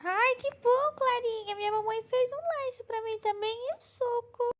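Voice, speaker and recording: A sweet little girl doll with a very high, childlike voice that turns whiny and pleading, as a woman puts her on. She talks slowly, and the recording is slightly dull with a faint hiss.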